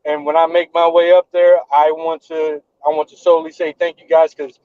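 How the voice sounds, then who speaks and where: A man in his thirties hosts a podcast over a remote call, earnest and prone to repeating himself as he builds a point. His voice sits a little high. The audio is dull and dry. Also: flat delivery, fairly quick, clear, resonant tone, dry recording. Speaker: podcast host and event organizer. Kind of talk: casual chat.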